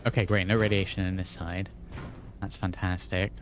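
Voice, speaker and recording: A man's voice: low voice, little pitch movement, normal speed. A man giving casual, off-the-cuff commentary while he plays a video game. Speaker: gaming video host. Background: faint game music.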